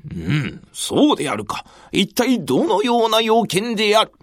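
A storyteller voicing a bold, impatient male warlord with a gruff, commanding manner in a traditional telling. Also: medium pitch, sing-song, normal speed, no echo, clean studio sound, close to an everyday voice. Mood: stern.

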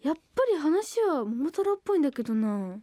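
A woman's voice: high-pitched, big pitch swings, fairly quick, dark tone, dry recording, studio quality. A woman playing a schoolgirl who reacts with quizzical, muttered asides while reading a strange book. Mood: puzzled. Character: puzzled schoolgirl reading in a library.

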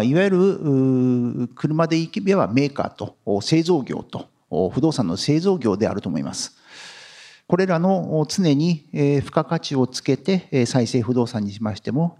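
A man presenting as company president at an investor seminar in very polite, formal business language, with drawn-out filler vowels between phrases. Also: medium pitch, warm tone.

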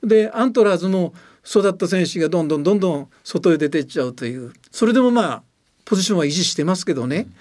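In a studio-quality radio recording with no echo, an older man who is a former soccer coach and commentator speaks as a guest. His high, expressive, slightly mellow voice carries a slight Tochigi lilt, and he explains at length very quickly, earnest and emphatic.

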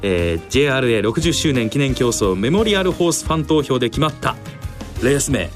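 A man's voice: mid-range voice, sing-song, fairly quick, music in the background. A man co-hosting a radio horse racing show, presenting in very polite, formal Japanese.

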